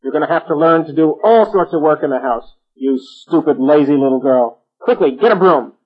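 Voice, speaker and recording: A cruel old witch, as a man puts her on for a folk tale told aloud, her voice pitched high and husky. She stretches out her threats slowly and menacingly. The sound is thin and tinny, as if over a phone line. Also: very animated, full character voice. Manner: drawn-out, menacing, cackling delivery.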